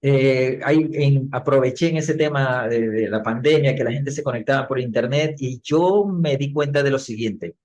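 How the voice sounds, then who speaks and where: A middle-aged man, a public speaking coach, telling his story as a podcast guest in an animated way, acting out what he said back then. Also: medium pitch, moderate pace, few pauses. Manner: animated, acts out his own past words.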